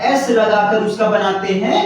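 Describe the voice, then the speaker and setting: A man's voice: sits high, unhurried, distant mic, noisy background. Male teacher in a very echoey classroom. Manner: repeats points, checks understanding often, spells words out letter by letter. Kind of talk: classroom grammar lesson. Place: classroom with students answering together.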